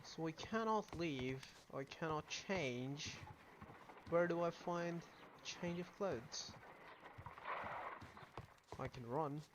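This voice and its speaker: A chatty male streamer giving casual commentary as he plays a game. He keeps ending remarks with a questioning "yeah?" in a slightly high voice. A clear hiss runs through his recording. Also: slow pace, pauses often. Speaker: gaming streamer. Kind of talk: casual let's-play commentary. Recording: noisy home recording.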